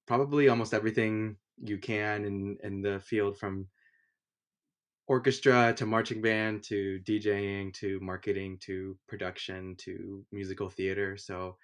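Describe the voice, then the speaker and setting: A young music producer from Honduras chats casually in an interview, relaxed and rambling, with plenty of fillers and restarts. His voice is on the low side, and he speaks a little slowly.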